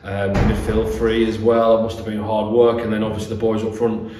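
A British man in his thirties, a football manager, gives a post-match interview in a brisk, lowish, darkish voice with little pitch movement. His phrasing is hesitant, with repeated words. He sits away from the mic in a small bare-walled room that echoes strongly, with faint noise.

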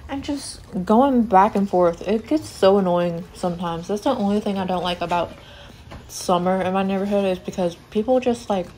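A young woman talks her viewers through her cooking in a loose, rambling way, filling the gaps with "like" and "um". Her pitch sits in the middle of the range. The home recording carries a clear layer of background noise. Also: a little mellow, poor audio. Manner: rambling, lots of "like" and "um". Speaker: vlogger. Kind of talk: casual chat while cooking. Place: home kitchen.

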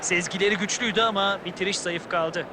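A man's voice: high-pitched, fairly even intonation, quick pace, close to an everyday voice. A man playing an opinionated football pundit in a video game, giving analysis in full sentences in over a stadium crowd. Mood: analytical. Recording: loud stadium crowd noise behind voice.

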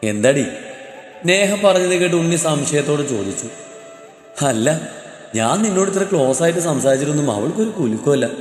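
A man narrating a romantic story in a steady, measured way. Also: a little high. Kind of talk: scripted narration. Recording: echoey roomy hall, faint music.

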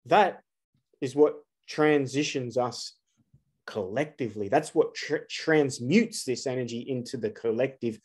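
Addressing the camera solo, a man in his 40s from Australia, who works as an astrologer, delivers a heartfelt spiritual talk. His voice is mid-pitched with a darkish color, and he puts emphasis on the rhetorical questions he poses.

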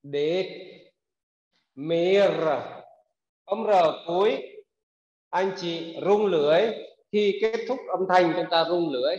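Male teacher leading a slow word-by-word pronunciation drill; patient, instructive, every word repeated; dull echoey recording. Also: high voice, a little mellow. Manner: says each word slowly twice for learners to repeat. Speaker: language teacher. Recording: echoey hall, dull lo-fi sound.

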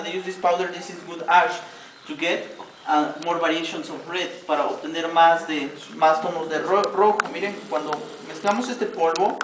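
A man with a Mexican Spanish accent guiding tourists through a weaving demonstration, explaining each step in Spanish and then repeating it in English. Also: fairly high pitch. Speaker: weaving cooperative guide. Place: weaving workshop with visitors. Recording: distant, roomy camera audio with background noise.

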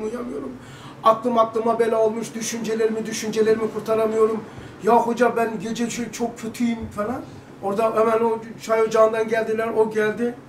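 A man's voice: high voice, recorded from a distance, slight background noise. A man giving a storytelling religious lesson, acting out the voices of people in his stories. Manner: animated, acts out dialogue in stories. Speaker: religious teacher.

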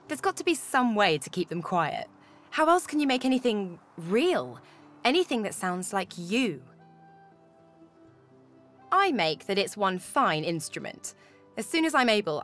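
A woman's voice: mid-range voice, a bit bright. A woman playing a wry, easygoing musician companion in a video game, talking in a casual, reflective way. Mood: pensive. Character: wry, easygoing female musician haunted by inner spirits.

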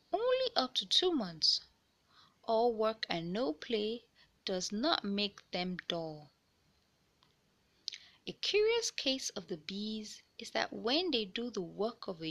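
Swooping, very animated intonation marks this read-aloud narrator's take on a children's picture book, her fairly high voice bright and clear-cut. She takes her time with every phrase, explaining things expressively to young listeners as a storyteller would.

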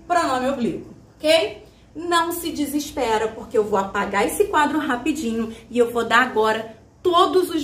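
A woman's voice: high-pitched, fairly bright tone, far from the mic. A Brazilian woman teacher giving a chatty, emphatic grammar lesson at a whiteboard, putting questions to herself and answering them. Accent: Brazilian Portuguese. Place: classroom with a whiteboard. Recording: roomy, mic set back.

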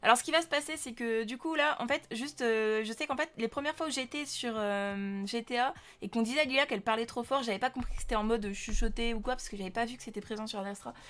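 Young woman streamer from France, slightly high voice, loose chatty delivery, desk mic, faint music. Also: fast talker, hardly any pauses, a bit bright. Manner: chatty, lots of fillers, greets viewers. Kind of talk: casual live-stream chat. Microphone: desk microphone.

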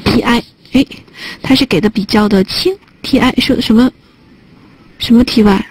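A woman's voice: a little high, moderate pace, slightly rough, low-quality recording. A woman teaching a test prep listening class online, chatting and joking as she types notes on a whiteboard. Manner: chatty, joking aside while typing on a whiteboard.

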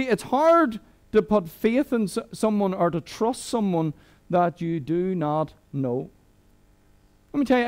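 A man's voice: high-pitched, a little mellow. A middle-aged Irish man preaching a sermon as a guest preacher, conversational and humorous, often restarting his sentences.

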